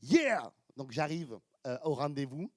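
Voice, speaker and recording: A man telling lively stories from his career to an audience, acting out the voices of the people in them. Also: on the high side, a little fast, dry recording. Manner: lively, animated storytelling with acted-out quotes and laughs. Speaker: motivational speaker. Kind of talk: storytelling talk to an audience.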